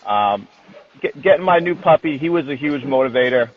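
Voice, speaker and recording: A man's voice: medium pitch, expressive, normal speed. A man speaks as a guest in a casual interview, heard over a thin, phone-like connection. His way of talking is candid and colloquial, with the odd swear word. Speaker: interview guest, dog trainer.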